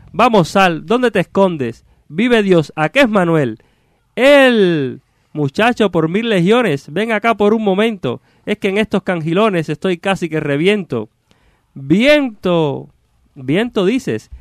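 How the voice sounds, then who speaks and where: A man voicing a hot-tempered rustic man who shouts and curses in a quarrel, recited in rhyming verse. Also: high-pitched, no room sound, studio quality, pitched above the performer's own voice. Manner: loud, exclamatory verse delivery.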